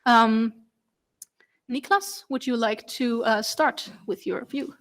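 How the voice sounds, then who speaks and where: A woman's voice: a little high, slow. A woman moderating a conference panel, introducing guests with frequent hesitations.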